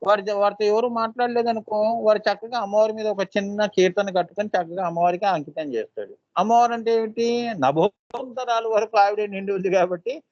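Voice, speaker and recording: A man as a spiritual teacher giving a devotional discourse. He often asks his listeners "right?" and chants seed syllables slowly. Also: high voice, a little mellow, no room sound, highs cut off.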